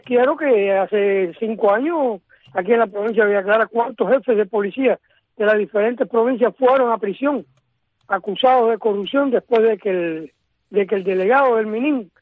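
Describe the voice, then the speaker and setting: A man's voice: high-pitched, dry recording. A man with a Cuban accent, an independent journalist, speaking emphatically over a phone line with frequent restarts. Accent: Cuban Spanish. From Cuba. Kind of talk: phone interview.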